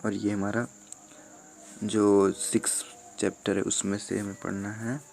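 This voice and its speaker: A man from Jharkhand, a teacher, going through a school syllabus in a steady listing manner with fillers. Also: fairly low pitch, measured pace, creaky, a little hiss or hum. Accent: Jharkhand Hindi. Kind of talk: explaining a syllabus.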